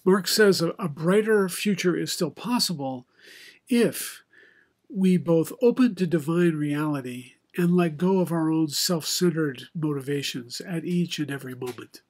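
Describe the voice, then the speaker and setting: Slow, husky-voiced older male pastor. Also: fairly high pitch, a little mellow. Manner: measured, reflective delivery with many pauses. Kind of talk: sermon. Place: home study with bookshelves. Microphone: video call webcam, head and shoulders.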